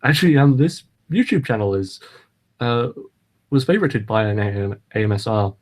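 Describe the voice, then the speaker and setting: Male podcast host, mid-pitched, meandering delivery full of ums and restarts. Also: expressive, normal speed. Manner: rambling, hesitant, lots of ums and restarts. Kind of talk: casual chat.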